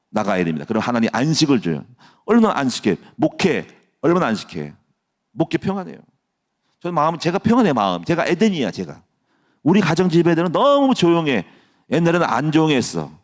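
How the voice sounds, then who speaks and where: A middle-aged man preaching a dawn sermon as pastor, jokey and lively, laughing often and dropping to a near hush at times. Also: on the high side.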